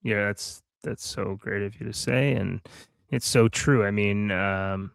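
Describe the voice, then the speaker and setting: A man's voice: lowish voice, fairly even intonation, measured pace, creaky, clear, resonant tone, no room sound. A man hosting an interview podcast, speaking in a supportive, reflective way and often repeating his phrases. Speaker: podcast host. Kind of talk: casual interview talk.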